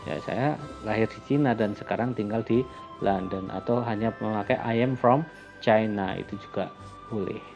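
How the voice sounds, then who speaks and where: A man teaching a class, calmly explaining English greetings and introductions and slowing down for the example phrases. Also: fairly low pitch, creaky. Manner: calm and explanatory, switching into slow, lifted voice for English example phrases. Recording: lo-fi recording with faint music.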